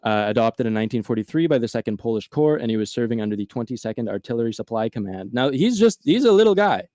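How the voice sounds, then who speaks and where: Male podcast host, animated storyteller, casual, dry recording. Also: mid-range voice, fast talker, no echo.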